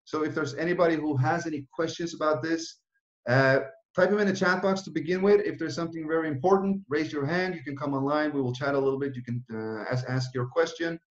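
A man's voice: a little high, brisk. A man in his thirties from Norway giving an online business presentation from a small room, talking casually with many fillers and restarts. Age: 30s. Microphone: webcam video call. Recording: roomy, dull lo-fi webcam sound.

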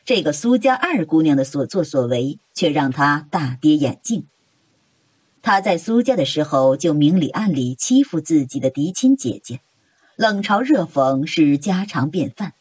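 A woman narrates a novel with dramatic, expressive storytelling. Her voice is husky and slightly low, with lively pitch swings. The recording is dry and close. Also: no echo. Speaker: audiobook narrator.

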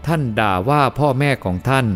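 Man reading a tale over soft music. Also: mid-range voice, lively intonation, fairly quick, smooth. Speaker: storyteller. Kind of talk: reading a first-person karma tale aloud.

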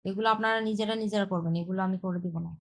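A woman, a Bengali speaker, teaches an online Chinese lesson, explaining step by step and often checking with a quick "yes". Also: medium pitch, fairly even intonation. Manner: explains step by step, repeats herself, checks with "হ্যাঁ".

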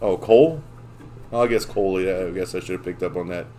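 A man's voice: sits low, brisk, dark tone, slight background noise. A man opening trading card packs on a live stream, in casual chat, playfully confused and stumbling over the names.

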